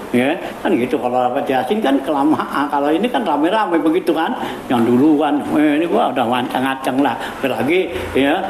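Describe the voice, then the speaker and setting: A man's voice: on the high side, darkish tone. A man giving an informal religious study lecture, talking casually with many fillers and chuckles. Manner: casual, repetitive fillers, chuckles while teaching. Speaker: cleric teaching a weekly religious study circle. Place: prayer hall. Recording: echoey hall with background noise.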